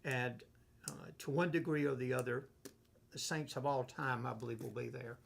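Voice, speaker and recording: Gravelly-voiced man teaching scripture. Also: mid-range voice, steady tone, slight background noise. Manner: reads scripture aloud and explains it verse by verse; unhurried, asks himself questions and answers them. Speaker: pastor leading a Bible study. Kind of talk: conversational Bible teaching.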